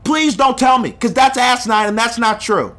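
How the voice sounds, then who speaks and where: A man's voice: very high-pitched, moderate pace, a bit bright, faint music behind. A young man hosting a solo sports podcast, talking emphatically and getting heated, repeating phrases for punch. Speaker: podcast host.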